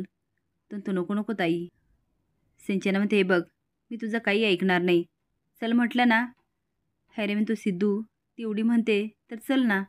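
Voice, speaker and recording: A woman retelling a TV serial in brisk narration, speaking the characters' lines mostly in her own plain voice. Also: medium pitch, dry recording. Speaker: storyteller. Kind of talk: recapping a TV serial, reading all the dialogue.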